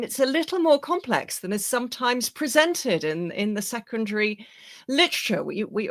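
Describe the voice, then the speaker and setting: A woman gives a philosophy lecture in a lively, wry manner with many fillers. Her mid-range voice is croaky because she is recovering from an illness.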